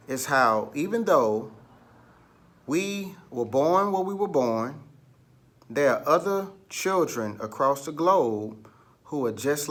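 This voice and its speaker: This is a children's storytelling read-aloud by a man with a mid-range, fairly bright voice. He speaks directly to his young listeners, retelling the tales and asking them questions.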